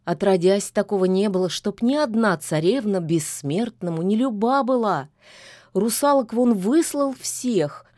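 Expressive woman reading a fairy tale. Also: medium pitch, measured pace, no room sound, clean studio sound. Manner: folksy, expressive storyteller. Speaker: audiobook narrator.

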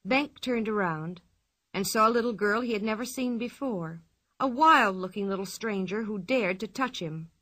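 A woman reading a children's storybook aloud in a clear, expressive, measured way. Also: mid-range voice. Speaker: narrator.

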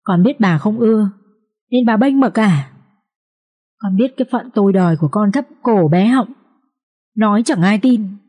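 A woman's voice: mid-range voice, normal speed, long pauses, warm tone, slightly rough, lightly acted. A woman voicing a scheming young pregnant maidservant in a storybook reading, pleading tearfully in a raised, whining voice.

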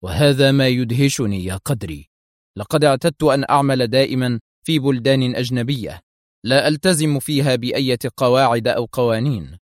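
A man's voice: mid-range voice, a little fast, no room sound, studio quality, lightly acted. A man voicing a cool sardonic agent. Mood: calm. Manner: cool, curt and mocking. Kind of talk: audiobook character voice.

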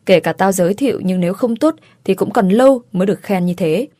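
A woman's voice: mid-range voice, fast talker, dark tone, dry recording, clean studio sound, natural voice. A woman voicing a blunt, loyal young woman friend who talks brash and teasing, with crude slang.

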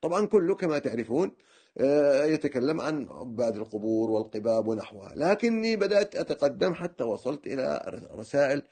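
A man's voice: mid-range voice, expressive, a little fast, dark tone, husky. A man giving a religious lecture, telling of his own studies in a digressive way, with many fillers and restarts. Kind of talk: first-person lecture recounting his studies.

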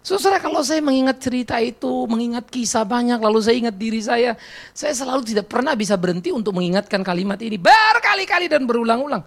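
A man preaching a sermon as a pastor, telling stories and personal confessions, swinging between loud exclamations and quiet reflective passages. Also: very high voice, lively intonation, fast, vocal fry.

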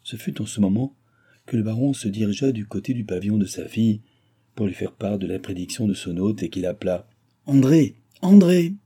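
A man narrating a classic novel as an audiobook reader, in a measured storytelling manner. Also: low-pitched, dark tone, husky.

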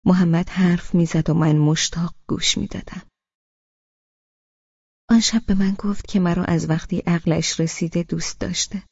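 A woman narrating an audiobook in the first person, with calm, even storytelling. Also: fairly low pitch, creaky, husky, dry recording, highs cut off.

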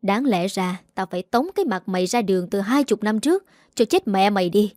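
A woman's voice: mid-range voice, animated, a little fast, a little mellow, dry recording, studio quality, lightly acted. A woman voicing a harsh middle-aged aunt who scolds coarsely and shrilly. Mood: furious scolding.

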